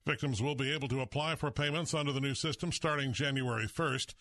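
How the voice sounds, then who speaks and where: A man's voice: mid-range voice, fast, a bit bright, no room sound. A man delivering a scripted radio news report as a correspondent.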